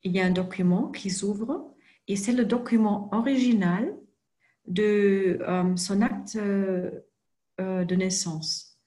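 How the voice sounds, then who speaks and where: A woman presents a screen-share tutorial for a genealogy organization, speaking slowly and carefully with frequent hesitations. Her voice is medium-pitched, steady, and dark in tone. French is not her first language.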